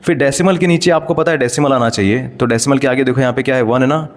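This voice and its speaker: A man's voice: medium pitch, fast talker. A man explaining decimals step by step as a teacher, patient and checking in frequent rhetorical questions. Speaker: math teacher. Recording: long hall reverb.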